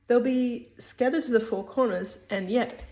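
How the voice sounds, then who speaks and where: A woman's voice: fairly high pitch, unhurried, warm tone. A woman giving a casual spoken religious teaching, hesitant, with many fillers and restarts.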